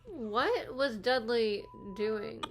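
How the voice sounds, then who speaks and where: A woman's voice: fairly high pitch, animated, drawn-out words, faint music behind. A woman in her twenties giving chatty, giggly movie commentary and going off on tangents, speaking around new retainers.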